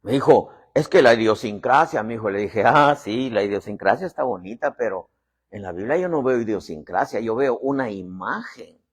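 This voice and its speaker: A man's voice: mid-range voice, animated, moderate pace, slightly rough. A middle-aged man preaching a sermon in a folksy way, joking and having the congregation repeat phrases. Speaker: apostle preaching.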